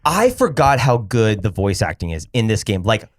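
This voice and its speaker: A man co-hosting a casual podcast chat about a video game, animated, laughing often and jumping in over the others. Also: lowish voice, normal speed, dry recording, studio quality. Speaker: podcast co-host.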